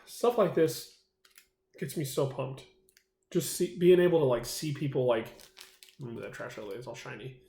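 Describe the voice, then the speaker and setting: A man's voice: mid-range voice, moderate pace, vocal fry, long pauses, dark tone, echoey room. A man vlogging a food challenge in a casual, rambling way, full of fillers and enthusiasm, sometimes talking with his mouth full. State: eating, mouth full at times. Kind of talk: casual solo vlog.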